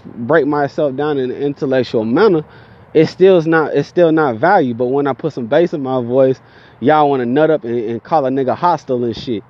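A man in his thirties from Georgia with a Southern accent, telling a profane, slangy story in a casual, animated way. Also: medium pitch. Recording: dull lo-fi recording.

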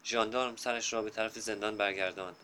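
A man with a fairly low voice reads literary fiction aloud at a measured, unhurried pace. Faint room ambience sits under the narration. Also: steady tone, pushed and bright, slight background noise.

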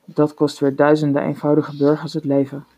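Een zuchtende, bedroefde echtgenote in een voorgelezen verhaal, gespeeld door een vrouw. Ze klinkt zacht en bezorgd, met een donkere, schorre stem. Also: female voice, sits low, monotone, moderate pace, mellow. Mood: sorrowful. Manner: sighing, sorrowful. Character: worried mayor's wife, gentle and sorrowful.

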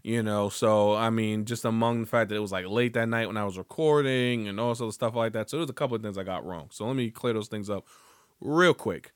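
A podcast host rambles loosely through his own solo show, swearing a lot and joking around. His voice is on the low side and fairly quick, with a clean tone and studio-quality sound free of echo.

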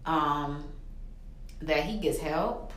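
A woman with a low voice hosts a casual chat. She rambles colloquially and drops quips, and her voice rings with noticeable room echo. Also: extremely slow, fairly bright tone, a little hiss or hum. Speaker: podcast host. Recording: roomy echo.

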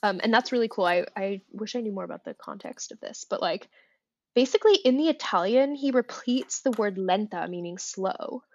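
A woman's voice: mid-range voice, expressive, moderate pace, darkish tone, no room sound. Woman co-host, casual literary chat, thinks aloud, dry and slightly muffled recording. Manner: thoughtful, hedging, many restarts. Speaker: podcast co-host.

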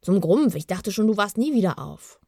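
A woman's voice: medium pitch, animated, normal speed, a little mellow, no echo, studio quality. A woman voicing a worried, bearded male kobold who talks in an anxious, urging way in a storybook reading. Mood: alarmed.

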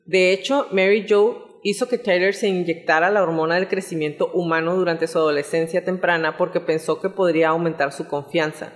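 A woman hosting a podcast, telling a true crime story in a relaxed narrating tone. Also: lowish voice, a little fast, few pauses, in a large hall. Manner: reads out chat messages in a relaxed narrating tone. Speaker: podcast host.

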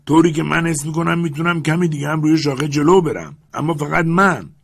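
A man narrating an audiobook puts on a timid, stubborn old servant who answers his master from high up a tree. The voice is pushed well above his own and loud. A gravelly, husky grain stays under it. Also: full character voice. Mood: nervous, pleading. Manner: high strained pleading voice.

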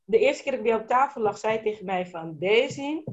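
A woman's voice: mid-range voice, expressive, racing. A woman hosting a casual podcast conversation, enthusiastic and mixing in English phrases as she talks. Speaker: podcast host. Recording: dull lo-fi sound.

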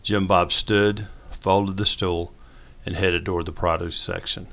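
A man narrates a novel. His voice is deep and his telling folksy and measured. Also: flat delivery, a bit bright. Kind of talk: audiobook narration.

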